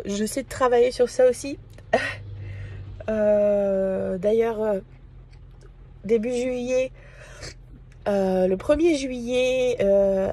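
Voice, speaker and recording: A woman from France talking casually to camera in a personal vlog, hesitant and full of pauses and fillers. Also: a little high, warm tone. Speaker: vlogger.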